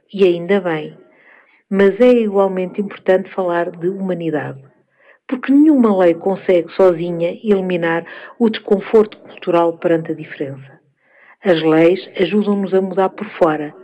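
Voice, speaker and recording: A woman with a European Portuguese accent, giving a measured, thoughtful spoken essay with frequent pauses. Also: fairly low pitch, dull audio.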